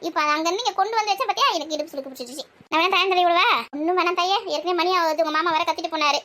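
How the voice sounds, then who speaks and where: A woman's voice: extremely high pitch, fairly even intonation, pushed and bright. A woman, playing a village housewife who nags and scolds in everyday family banter. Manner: scolding, nagging, quick back-and-forth.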